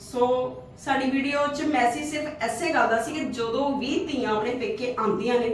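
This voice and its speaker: A woman's voice: sits high, fairly even intonation, moderate pace. A woman acting in a family skit as a hurt sister, then earnestly advising viewers. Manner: pleading, then earnest advice. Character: hurt married sister visiting her brother's home. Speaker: channel host and actor. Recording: echoey room from far off, faint noise.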